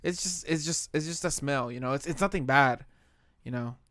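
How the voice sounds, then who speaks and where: A man's voice: medium pitch, moderate pace, a bit bright, no echo, studio quality. A man co-hosting a casual beer podcast, stammering and repeating words, padding with "you know". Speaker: podcast co-host. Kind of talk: casual chat.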